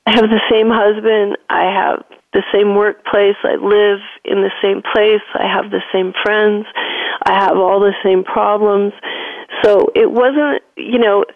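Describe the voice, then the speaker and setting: A woman speaks slowly and deliberately, her voice rough with vocal fry as she shares a spiritual testimony. She comes through a thin, phone-like line with no room echo. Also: medium pitch, level tone. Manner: slow, deliberate storytelling with repeated phrases. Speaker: guest. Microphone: telephone. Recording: dry phone-line audio.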